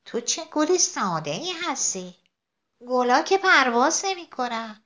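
A woman voicing a kind, beautiful bird who speaks in a gentle, encouraging way. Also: high voice, big pitch swings, voice pushed up.

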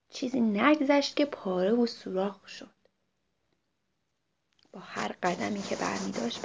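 A woman telling a story to children, very expressive and often dropping to a whisper, on a muffled recording. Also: on the high side, creaky, slight background noise.

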